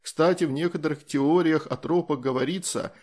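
A man voicing a calm, easygoing soldier in an audiobook, explaining things in a matter-of-fact way. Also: fairly high pitch, moderate pace, natural voice.

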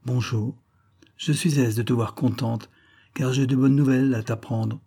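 A man's voice: mid-range voice, steady tone, moderate pace, dark tone, breathy edge. A man reading aloud and voicing an eager, boastful young fisherman who stresses his words. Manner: eager, stressing each syllable.

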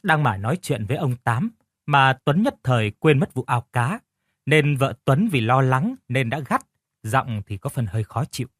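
A man narrating an audiobook story with steady, clearly phrased storytelling. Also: mid-range voice, normal speed, no echo, clean studio sound.

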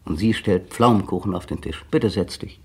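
A male narrator in a 1960 radio drama delivers an inner monologue as a tense, bitter man brooding over his partner. His low, husky voice moves at a normal pace, and his diction is precise.

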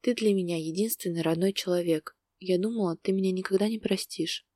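A woman reading the lines of a tearful young woman in a hospital bed, quiet and hushed, in a storybook reading. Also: lowish voice, a little fast, no echo, studio quality, lightly acted. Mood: fragile.

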